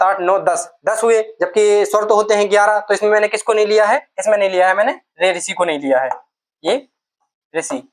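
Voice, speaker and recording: Hindi teacher woman quizzing herself. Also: mid-range voice. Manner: explains step by step, asks and answers her own questions, repeats terms. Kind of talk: online exam-prep grammar lesson.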